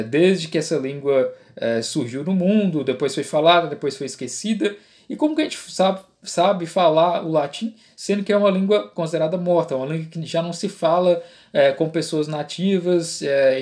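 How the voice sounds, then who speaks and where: Brazilian man lecturing, fairly high voice. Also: a little mellow. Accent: Brazilian Portuguese. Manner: explanatory, frequent "né?" tag questions and "é" fillers. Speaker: Latin teacher. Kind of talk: online lecture.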